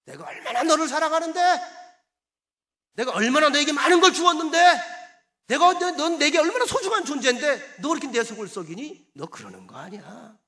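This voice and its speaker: A man preaching voices God as a loving, heartbroken father pleading with his child, his voice climbing into near-shouts. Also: very high-pitched, animated, fairly quick, pitched above the performer's own voice, full character voice.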